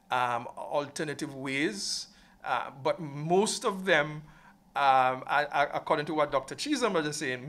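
A man with a slightly higher voice speaking as a panelist over a video call. He talks thoughtfully but hesitantly, pausing often with fillers as he searches for words. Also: pushed and bright. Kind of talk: panel discussion.

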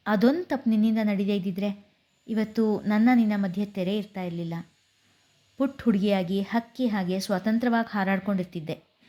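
A woman voicing a hurt young husband who speaks in a low, restrained voice. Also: steady tone, moderate pace, warm tone, close to an everyday voice. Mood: sorrowful.

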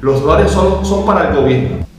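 Animated Cuban man, echoey room. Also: fairly high pitch, normal speed, music in the background. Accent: Cuban Spanish. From Cuba. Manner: animated, gesturing, mocking and emphatic. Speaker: host of a meme commentary channel. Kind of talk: casual commentary to camera. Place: small indoor room with neon lights.

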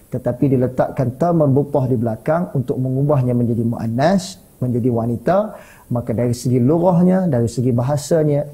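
A man with a Malaysian Malay accent teaching a religious lecture, animated, slowing to stress Arabic words and putting questions to the audience. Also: medium pitch, slightly rough, poor audio. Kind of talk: sermon lecture.

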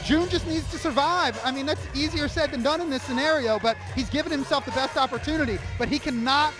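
A man's voice: very high voice, fairly quick, over music. A man giving color commentary on a fight, breaking down technique analytically. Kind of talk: live MMA color commentary.

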